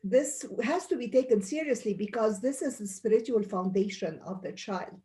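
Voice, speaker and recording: A middle-aged woman from Egypt, a pediatrician guest in an interview, explains her answers earnestly while frequently restarting. Her mid-range voice is expressive and dark in tone, moving at a moderate pace.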